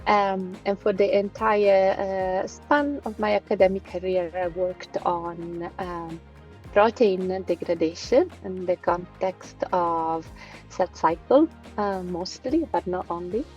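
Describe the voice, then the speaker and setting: A woman in her forties from Rome with a light Italian accent, a guest telling her career story in an interview, pausing often with fillers. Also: lowish voice, darkish tone, muffled recording, soft background music. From Italy, Rome. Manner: thoughtful, many fillers and pauses. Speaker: guest scientist. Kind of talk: conversational interview.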